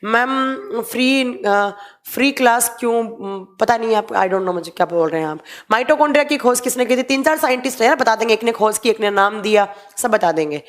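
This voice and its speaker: A young woman teaching biology in a live online class, reading students' chat questions aloud and answering them briskly while mixing in English terms. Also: a little high. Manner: mixes Hindi with English terms, brisk and matter-of-fact.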